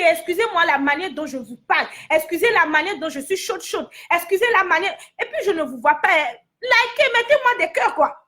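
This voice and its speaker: A woman from Togo airs her angry opinion directly to her viewers in a heated vlog, scolding and repeating herself indignantly. Her voice is very high-pitched with a sharp tone.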